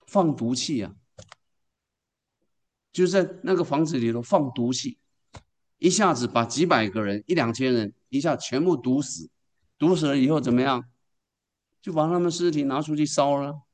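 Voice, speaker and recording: A man with a voice of ordinary pitch preaches a sermon to his congregation. He tells the story with strong emphasis and keeps putting questions to his listeners before answering them himself. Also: moderate pace, pauses often, darkish tone.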